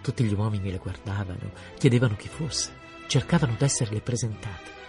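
A man reading a story aloud in a measured, expressive way. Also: on the low side, creaky, music in the background. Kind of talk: scripted story narration.

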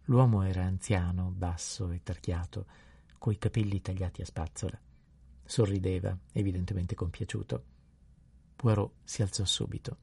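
A man calmly narrating a novel in an unhurried reading voice. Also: low-pitched, creaky, breathy edge. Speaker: audiobook narrator.

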